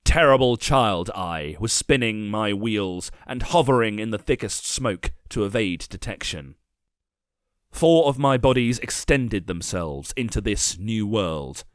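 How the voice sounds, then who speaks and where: A man narrating a dark first-person story with measured, grim delivery. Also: on the low side, dry recording, clean studio sound.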